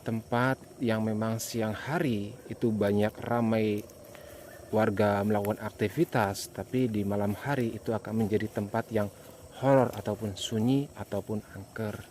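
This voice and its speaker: Low-voiced man, night vlog. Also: steady tone, normal speed, darkish tone. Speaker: host of a night exploration vlog. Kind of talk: casual vlog narration to viewers. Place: outdoors at night in the countryside. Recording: outdoor night recording with insect noise.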